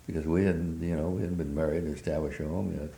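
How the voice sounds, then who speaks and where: An older man recalling his wartime past in an oral history interview, speaking haltingly with many fillers. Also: very deep voice, steady tone, vocal fry, mellow. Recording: roomy echo.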